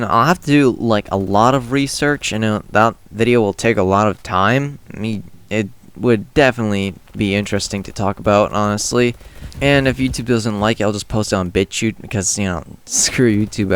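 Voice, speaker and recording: A man's voice: lowish voice, smooth. A man giving a casual, offhand video game review in a rambling, noncommittal way.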